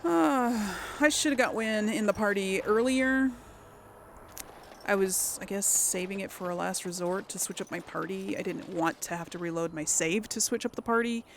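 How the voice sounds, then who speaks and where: A woman gamer speaks at a moderate pace in a medium-pitched voice, informally narrating each move as she plays. Game music accompanies her, along with a little hiss or hum.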